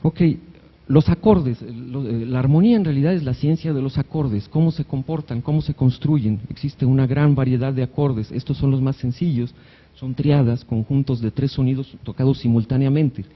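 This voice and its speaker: A man's voice: medium pitch, moderate pace, breathy edge, muffled recording. A man, a doctor, giving a conversational, jokey live lecture on music theory to an audience, now and then singing short note examples. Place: hospital event hall.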